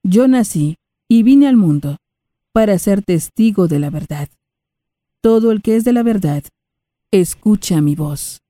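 A woman reading the part of Jesus, a calm and solemn man, in a lowered, slow voice. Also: no room sound, clean studio sound, lightly acted.

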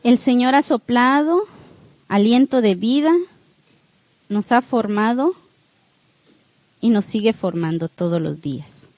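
A woman's voice: fairly high pitch, animated, slow, pauses often, no room sound, low-quality recording. A woman teaching an online class, speaking straight to her listeners and checking in with "¿sí?" again and again. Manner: checks in with the listeners by asking "¿sí?" over and over; speaks straight to the audience with warm, coaching encouragement. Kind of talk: instructive talk to a class with a spiritual close.

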